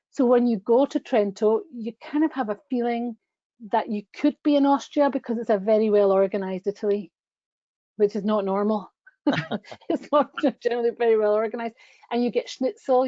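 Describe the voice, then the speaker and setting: Speaking over a webcam on a video call, a middle-aged tour company presenter gushes chattily about her travel slides, frequently restarting as she goes. Her voice is fairly high with a dark tone, and the dull lo-fi call audio has no room sound.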